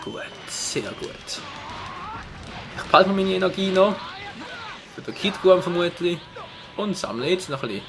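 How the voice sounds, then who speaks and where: Animated Swiss German man commentating a game. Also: high-pitched, moderate pace, long pauses, over music. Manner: exclaims and swears at the game. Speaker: gaming let's player. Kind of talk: excitable gameplay commentary.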